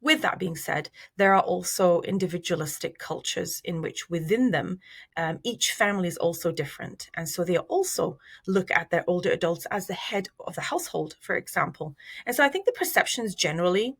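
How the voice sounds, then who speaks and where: A middle-aged woman from Iraq, a researcher giving measured, thoughtful interview answers with fillers and restarts. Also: lowish voice, lively intonation, a bit bright, slightly rough. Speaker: researcher guest.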